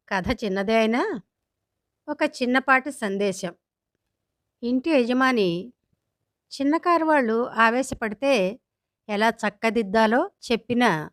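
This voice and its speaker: A woman storyteller narrating an audio story in a measured, gentle way. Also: fairly high pitch, expressive, no echo, studio quality.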